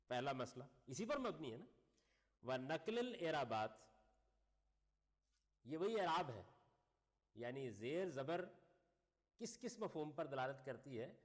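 A man giving a classroom lecture, reading Arabic phrases and then explaining them while putting questions to his class. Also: a little high. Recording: long reverb of a lecture hall.

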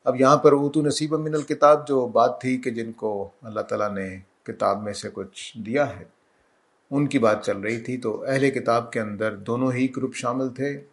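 Gravelly-voiced man teaching scripture. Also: medium pitch. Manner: calm and explanatory, slows to recite Arabic verses. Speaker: religious teacher. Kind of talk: Quran commentary lecture.

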